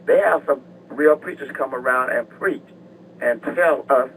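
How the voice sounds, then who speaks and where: An older man calling in to a radio show, talking in a halting, rambling way and repeating words. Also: medium pitch, fairly bright tone. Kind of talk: rambling live radio call-in. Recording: distant, noisy phone call to radio.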